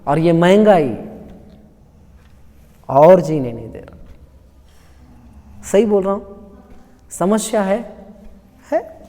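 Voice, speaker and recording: A man's voice: sits high, sing-song, slow pace, pauses often, dark tone. A male pastor giving a casual, conversational sermon that keeps asking the congregation questions. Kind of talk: Hindi sermon. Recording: long hall reverb.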